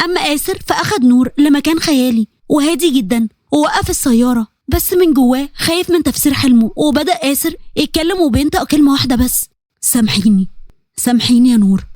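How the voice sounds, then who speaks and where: Casting: Egyptian woman storyteller, brisk dramatic narration, rapid, close and dry. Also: high-pitched, a little mellow, dry recording. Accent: Egyptian Arabic.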